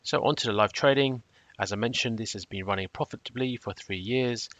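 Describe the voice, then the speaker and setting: A man narrating a scripted review in a measured, matter-of-fact, cautionary way. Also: lowish voice, a bit bright, dry recording, highs cut off. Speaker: trading robot reviewer.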